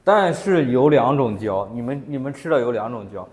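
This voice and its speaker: A man's voice: medium pitch, animated, normal speed, a little mellow. A man teaching Chinese vocabulary in class, repeating words for the students. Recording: echoey classroom with long reverb.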